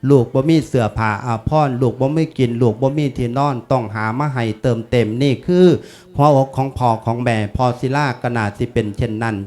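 Isan monk in his fifties, folksy and chatty at a funeral sermon, mid-pitched voice. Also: steady tone, a little fast, a little mellow. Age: 50s. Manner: folksy, chatty teaching with Pali chanting.

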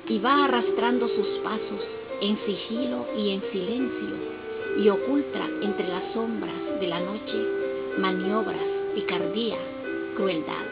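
A Honduran woman poet gives a slow, solemn, declamatory poetry recital from a podium on a festival stage. Her mid-range voice is creaky. A camera far off in the hall picks it up alongside the podium mic, yielding dull lo-fi audio with loud music.

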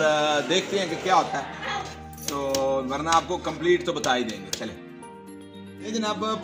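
This cooking vlogger, a man in his forties with a voice on the high side, talks straight to his viewers while preparing food on an outdoor wood fire in a village yard. It's a chatty, casual demonstration. The sound comes from a camera mic handheld by a cameraman, and music plays in the background beneath his speech.

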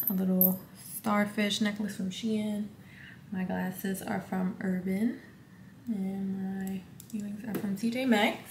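A woman's voice: mid-range voice, gravelly, warm tone. A young woman filming a casual hotel room tour on a handheld camera, chatty and gushing, often slipping into a near whisper. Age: young adult. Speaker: vlogger. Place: small tiled hotel bathroom and room. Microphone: handheld camera at arm's length. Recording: echoey tiled room, faint hiss.

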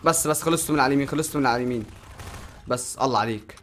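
A young man with an Egyptian Arabic accent hosting a game video, giving excitable commentary, shouting orders and cheering his teammate on. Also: medium pitch, racing, a little hiss or hum. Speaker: gaming channel host.

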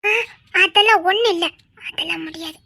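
A woman's voice: very high voice, normal speed, gravelly, bright, forceful tone, no echo, heavily acted. A woman with a Tirunelveli Tamil accent playing a shy young office clerk who stammers and protests playfully. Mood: coy protesting. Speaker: office employee. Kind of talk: village web-series acting.

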